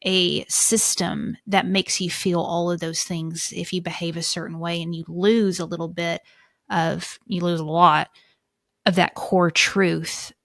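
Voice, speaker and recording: A woman with a somewhat low voice hosts a casual interview and speaks candidly and reflectively about herself. The sound is dry, with no room echo. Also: level tone, a little slow, fairly bright tone. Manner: candid, reflective, open about personal feelings. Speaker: podcast host.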